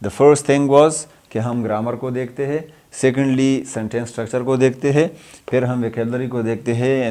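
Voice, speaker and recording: A man's voice: mid-range voice, warm tone. A young adult man from Pakistan, an English lecturer explaining a lesson, repeating points and mixing in English terms.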